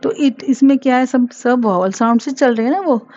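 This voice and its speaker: A woman's voice: high-pitched, darkish tone. Indian lady teacher explaining grammar to kids, asks and repeats a lot, kinda dull muffled audio. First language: Hindi. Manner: slow, patient, repeats and asks questions. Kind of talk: grammar lesson for children.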